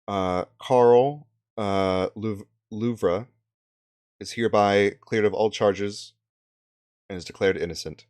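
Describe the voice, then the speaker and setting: Brief: a man playing a stern knight herald, deep and smooth, loud and commanding in a tabletop game. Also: slow, no room sound. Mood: proclaiming. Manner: proclaiming, commanding. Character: stern male knight announcing a verdict.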